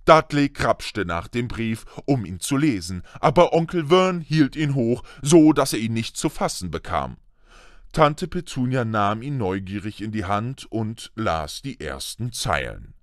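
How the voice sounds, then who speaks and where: A man narrating a children's fantasy audiobook in a slow, expressive storytelling manner. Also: medium pitch, no echo, clean studio sound.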